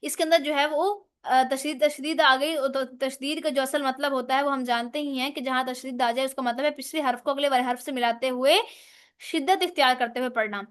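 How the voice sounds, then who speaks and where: High-voiced woman teaching Quran recitation. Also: steady tone. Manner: explains step by step, often asks "right?"; recites Arabic letters slowly and drawn out. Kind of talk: online tajweed lesson.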